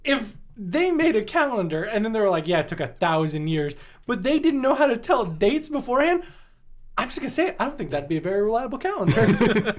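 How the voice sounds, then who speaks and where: An American man co-hosting a casual podcast, joking around and laughing a lot. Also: a little fast. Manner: joking, laughs often, lively pitch swings. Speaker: podcast co-host. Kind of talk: casual chat.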